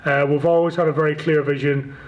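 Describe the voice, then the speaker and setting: This rugby league club chief executive, a Northern Irish man in his forties, speaks with a flat delivery at a fairly quick pace, his voice on the high side. Interviewed as a guest, he answers casually in hesitant, stop-start bursts, captured on lo-fi audio.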